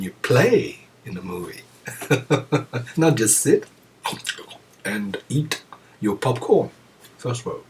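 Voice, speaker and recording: A man giving a reflective Zen teaching talk to students, musing aloud with many pauses and soft chuckles. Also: mid-range voice. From France. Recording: voice picked up from a distance.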